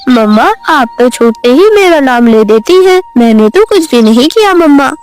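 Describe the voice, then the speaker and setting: A woman's voice: high voice, expressive, moderate pace, darkish tone, clear, resonant tone. A woman voicing a cheeky boy sparrow chick in a children's cartoon, cocky and teasing.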